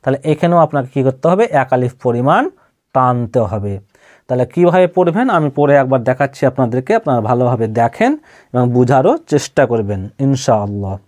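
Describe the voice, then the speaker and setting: A man with a Bangladeshi Bengali accent teaching Quran reading, spelling out syllables slowly in a drawn-out chant between quicker explanations. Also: medium pitch, a little mellow. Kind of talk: slow spelled-out recitation lesson.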